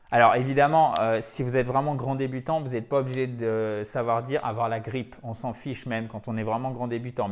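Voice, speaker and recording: A man teaching English pronunciation in an online lesson, emphatic and lively, repeating words over and over. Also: mid-range voice.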